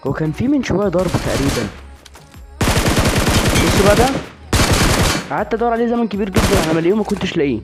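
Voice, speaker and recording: A young man with an Egyptian Arabic accent commentating his own shooter game live, chatty and teasing his opponents. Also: high voice.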